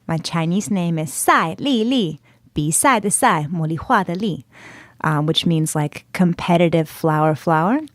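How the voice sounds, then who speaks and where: A woman's voice: fairly low pitch, unhurried, no room sound, clean studio sound. A woman in her twenties from San Diego telling her own story as a podcast guest, chatty and full of fillers. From San Diego, California. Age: 20s. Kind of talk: personal storytelling interview.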